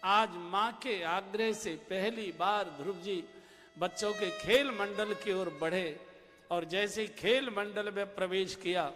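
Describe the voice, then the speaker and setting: A man with a high-pitched voice tells a devotional story with emotional drama, sometimes half-singing his lines. His voice rings through a long hall reverb. A violin plays clearly underneath. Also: unhurried, pushed and bright. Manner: emotional, dramatic telling with sung phrases. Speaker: religious storyteller. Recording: reverberant hall with instrumental music.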